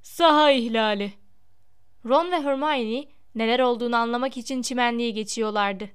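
A woman reads a storybook aloud in a measured, expressive way. Her voice sits high and comes through exceptionally smooth and clear. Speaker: audiobook narrator. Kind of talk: storybook narration.

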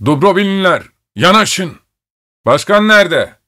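A man voicing a bossy male grain weigher who shouts orders in a storybook reading. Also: a little high, very animated, a little slow, no echo, studio quality, voice pushed up. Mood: bossy shouting.

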